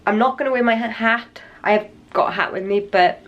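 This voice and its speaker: A woman's voice: fairly high pitch, brisk, lo-fi sound. Tired, wheezy woman vlogging. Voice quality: slightly raspy. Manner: chatty, rambling, tired. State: wheezy and a little out of breath from a cold. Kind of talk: casual vlog chat to camera. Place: hotel room, indoors. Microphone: handheld camera.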